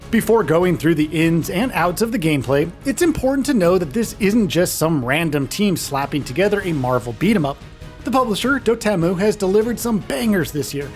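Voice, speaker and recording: A man giving a scripted, top ten countdown style narration in an enthusiastic, informal way. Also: sits high. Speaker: video game countdown narrator. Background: music.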